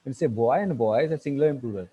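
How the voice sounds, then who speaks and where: Male lecturer, mellow and breathy, halting online grammar class delivery. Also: medium pitch, expressive, lo-fi sound. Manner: halting, many fillers and restarts, spells words out letter by letter. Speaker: teacher.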